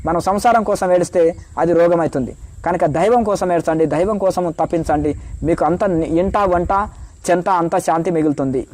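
A man's voice: a little high, moderate pace, a little mellow. A middle-aged man, a spiritual teacher, answering questions in a preachy way and rattling off lists of virtues.

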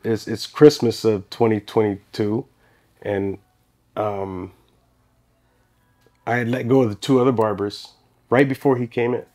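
Laid-back barbershop owner telling stories. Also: male voice, fairly low pitch, unhurried, long pauses. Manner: relaxed, rambling with restarts, animated when retelling. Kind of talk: casual interview storytelling. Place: small indoor podcast studio.

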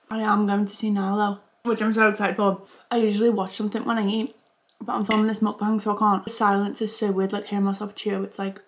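Young woman, mukbang vlog, gushing chatter, chewing between lines. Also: medium pitch. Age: 20s. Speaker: YouTuber.

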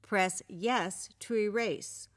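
A woman with a mid-pitched voice narrates a how-to script. Her delivery is measured and instructional, step by step.

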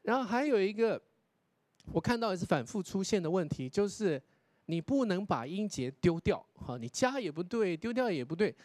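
A man, a pronunciation lecturer judging a contest, explaining feedback to contestants and often tagging his sentences with a soft "ha". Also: sits high, very animated, normal speed, no room sound. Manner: explanatory, demonstrates English pronunciation, tags sentences with 哈. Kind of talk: spoken critique to contestants.

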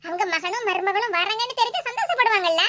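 A woman voicing a loud, cheeky young wife in an animated cartoon, speaking with a Kanyakumari Tamil accent in a playful manner. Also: extremely high pitch, fast, heavily acted.

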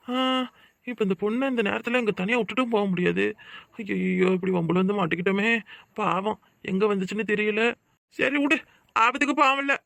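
A man's voice: high-pitched, creaky, bright, forceful tone, dry recording, exaggerated voice. A man with a southern Tamil Nadu accent voicing a kind-hearted young bachelor who frets and mutters to himself. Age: young adult. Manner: talking to himself, fretful asides. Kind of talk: cartoon voice acting.

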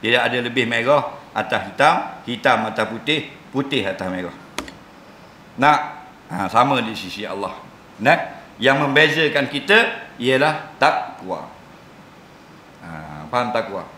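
A man's voice: mid-range voice, animated, measured pace, bright, forceful tone, slight background noise. A man giving a jokey mosque lecture, often asking the audience if they understand. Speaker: religious lecturer. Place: mosque hall. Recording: roomy mosque hall sound.

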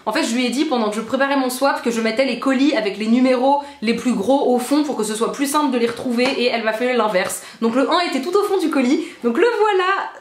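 A young woman from France, a beauty vlogger, gushing excitedly in a casual unboxing vlog, repeating words for emphasis. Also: on the high side, fast, few pauses. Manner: bubbly and gushing, repeats trop trop. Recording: echoey room.

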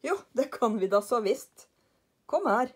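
Grandma doing Karlsson, a cocky little show-off. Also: female voice, a little high, expressive, slightly rough, voice pushed up. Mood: bossy. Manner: brash, self-satisfied, shrugging off worries. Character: boastful carefree little man, loud and cocky.

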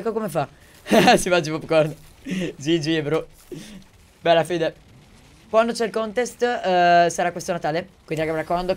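A man casually commenting on a live game stream, keeping his voice quiet on purpose and chatting quick asides to his viewers. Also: on the high side. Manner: talks quietly, holding back from shouting.

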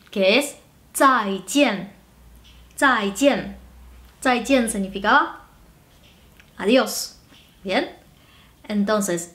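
Female language teacher, unhurried, fairly high voice, drills sounds and keeps checking in with learners. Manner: checks in constantly with short "¿sí?" and "¿bien?"; repeats sounds slowly and clearly for learners to copy. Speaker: Mandarin teacher. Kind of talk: slow, patient pronunciation lesson.

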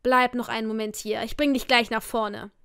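A woman's voice: on the high side, fairly even intonation, normal speed, creaky, fairly bright tone, clean tone, no room sound, studio quality. A woman reading a firm male concert security guard in an audiobook. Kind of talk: audiobook character voice.

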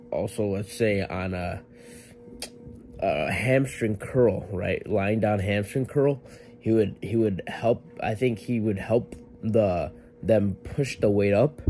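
A young man with a lowish, dark-toned voice vlogs casually to the camera about his workout. He's laid-back and rambling, full of fillers, often restarting and correcting himself as a fitness vlogger.

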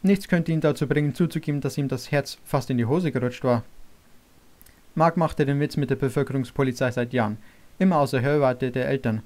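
A man narrating an audiobook in a steady, even manner. His voice sits at a middle pitch for a man. He reads the story at an unhurried pace. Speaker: audiobook reader. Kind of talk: scripted narration.

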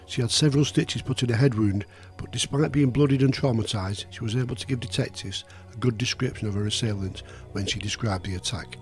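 A man narrates a true crime story in a sober, measured voice at a middling pitch. His delivery is steady and scripted. Faint music plays softly behind him.

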